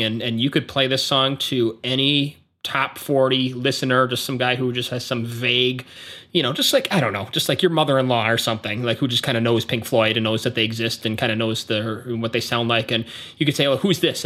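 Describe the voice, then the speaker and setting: Chatty bright-toned podcast guy. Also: mid-range voice, steady tone, fairly quick. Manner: chatty, laughs often, meandering. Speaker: podcast co-host. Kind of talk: casual chat.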